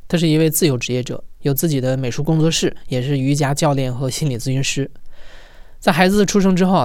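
A man hosting the show, reading a scripted introduction in a measured way. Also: mid-range voice, darkish tone, dry recording, studio quality. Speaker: podcast host. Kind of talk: scripted narration.

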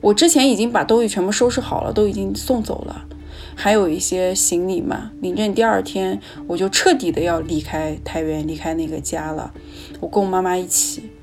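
A woman's voice: on the low side, fairly even intonation, brisk, darkish tone, faint music behind. A woman telling her own personal story in a reflective, candid and emotional way.

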